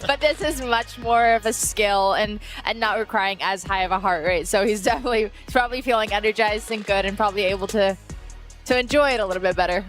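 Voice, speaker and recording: A woman's voice: medium pitch, fast, soft background music. A woman giving conversational sports commentary.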